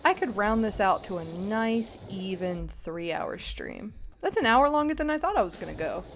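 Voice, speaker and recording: A young woman streaming a game, chatting casually with viewers in a chatty, giggly, animated way. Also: medium pitch, moderate pace, a little hiss or hum, rough recording. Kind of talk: casual chat while gaming.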